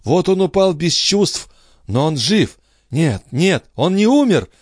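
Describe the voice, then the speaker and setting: A man's voice: lively intonation, normal speed, a little mellow, dry recording, clean studio sound, natural voice. A man voicing a frantic entranced mother who cries out what she sees, in an audiobook. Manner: shrill, breathless, crying out. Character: frantic entranced mother, a woman seeing visions. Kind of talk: audiobook dialogue acting.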